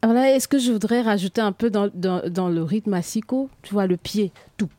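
A woman's voice: medium pitch, a little fast, dark tone, a little hiss or hum. A woman, a radio interview guest who repeats words while searching for them.

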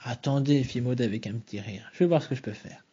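A man reads a novel aloud in a soft, measured voice. His tone is dark and very husky. The home recording sounds slightly dull. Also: medium pitch, expressive. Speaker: reader.

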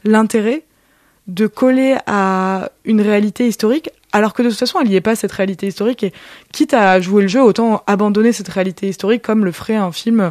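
A woman's voice: mid-range voice, a little mellow, dry recording. Hesitant woman talking films, dry sound. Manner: hesitant, many pauses and fillers. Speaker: film critic. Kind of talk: casual film discussion.

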